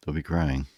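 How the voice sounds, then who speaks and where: A man co-hosting a podcast in casual banter, firing off deadpan wisecracks. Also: sits low, highs cut off. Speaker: podcast co-host. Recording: very noisy recording.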